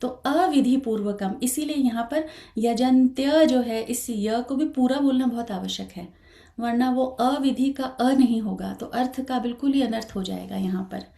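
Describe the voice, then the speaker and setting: Woman chanting teacher, unhurried, careful with every letter, warm high voice. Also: creaky. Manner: slow, careful explanation with frequent hesitations; switches between talk and slow sung chanting. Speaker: Sanskrit recitation teacher. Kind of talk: online chanting lesson.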